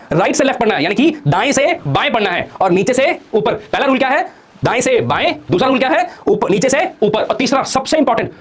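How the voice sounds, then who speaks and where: A man gives exam students a motivational study talk, posing rhetorical questions he answers himself and coaxing listeners to take part and comment. His voice is high and slightly rough.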